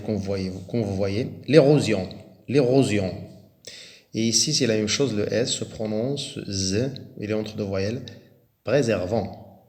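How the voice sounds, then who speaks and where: A man's voice: fairly low pitch, a bit bright, roomy sound. A man with a Moroccan French accent, teaching a primary reading lesson, patiently sounding out and repeating words. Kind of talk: slow, clearly articulated reading lesson.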